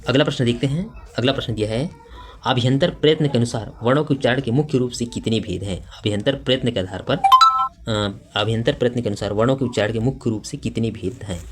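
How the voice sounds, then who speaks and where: A man teaching an exam-prep grammar lesson in a voice of ordinary pitch for a man. He reads each question and its options aloud, then explains the answer step by step. His delivery is unhurried and conversational, with frequent fillers. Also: fairly bright tone.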